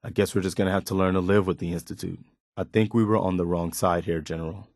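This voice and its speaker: For a video game, a man voices an earnest militia officer, a loyal, principled companion with firm morals who talks sincerely and plainly. His fairly low voice is close-miked and dry with no room sound, steady in tone, a little mellow, and fast, carrying a resigned, doubtful mood.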